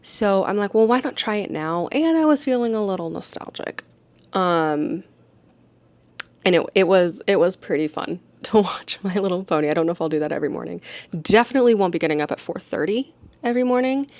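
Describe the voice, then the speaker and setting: A woman's voice: on the low side, darkish tone, no echo. A young woman, an audiobook narrator, chatting in a casual, rambling, self-deprecating way at home. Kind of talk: casual vlog chat. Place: home living room.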